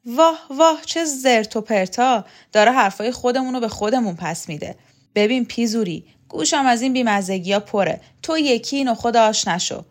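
A woman reading an audiobook, voicing a domineering, scornful woman who taunts and threatens loudly. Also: mid-range voice, lightly acted. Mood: scornful, furious. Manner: loud, sharp, taunting. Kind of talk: audiobook character voice.

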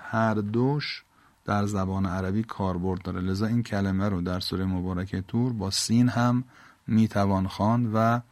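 A man's voice: on the low side, no echo. A man teaching a Quran exegesis lesson, reciting Arabic verses and explaining them word by word.

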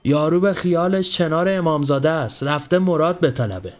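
A man's voice: a little high, voice pushed up, lightly acted. A man voicing a joking young man heckling from the back of a crowd, in a storybook reading. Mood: mocking. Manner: teasing, mocking shouts.

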